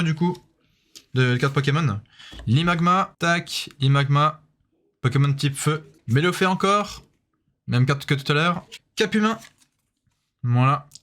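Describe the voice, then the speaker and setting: A man's voice: on the high side, fairly bright tone. A man casually commenting as he opens card packs, addressing his viewers and saying "voilà" after almost every card, with frequent hesitations. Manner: chatty, addresses viewers directly. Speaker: YouTuber opening trading card packs.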